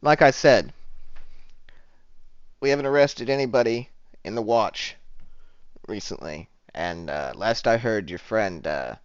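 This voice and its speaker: A man's voice: fairly low pitch, unhurried, pauses often, dry recording, highs cut off, close to an everyday voice. A man voicing a curt male city watch lieutenant who is stiff and dismissive, hesitant with fillers.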